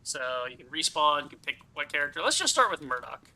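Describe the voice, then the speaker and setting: A man's voice: a little high, very animated, fast, sharp tone. A man giving casual game commentary as a streamer, rambling as he thinks aloud and swearing casually. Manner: casually profane.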